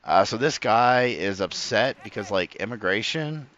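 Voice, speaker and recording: A man's voice: on the low side, expressive, measured pace, a bit bright, lo-fi sound. A man giving casual, rambling reaction commentary, often stopping to correct himself and swearing freely. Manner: rambling, self-correcting, profane. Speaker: streamer reacting to clips.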